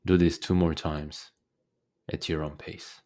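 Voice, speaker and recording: A man with a very deep voice, a guided meditation teacher, narrates a meditation. He speaks calmly and deliberately, pausing frequently.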